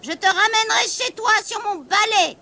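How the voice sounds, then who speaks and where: A woman's voice: extremely high pitch, normal speed, gravelly, sharp tone, voice pushed up, full character voice. A woman voicing a cunning, vengeful female witch with a commanding, sing-song voice in a storybook reading. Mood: coaxing.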